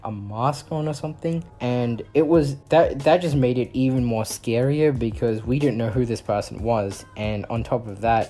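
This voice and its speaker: Young guy rambling thru a storytime, mellow darkish voice, lots of likes and you knows, faint music under it. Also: mid-range voice. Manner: rambling, full of "like" and "you know" fillers. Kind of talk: casual storytime narration.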